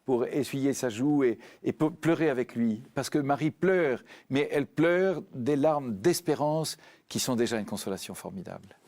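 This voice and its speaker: An earnest man speaks as a guest in a spiritual radio discussion. His pitch sits in the middle of the range, and he often repeats words while reaching for the next thought. He talks in a reflective, unscripted way. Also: expressive, normal speed, darkish tone.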